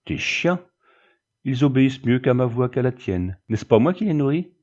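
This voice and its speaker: A man's voice: mid-range voice, lively intonation, moderate pace, darkish tone, highs cut off, voice pushed up, natural voice. A man voicing a haggard, bitter young man who talks back with defiance and mockery. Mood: defiant. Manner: defiant, mocking.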